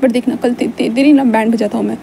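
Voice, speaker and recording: Woman doing an excitable, whiny young man. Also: quick pace, vocal fry, background noise. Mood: upset. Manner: high-strung, complaining, stammers when flustered. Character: young man, excitable, loud protester, quick to whine.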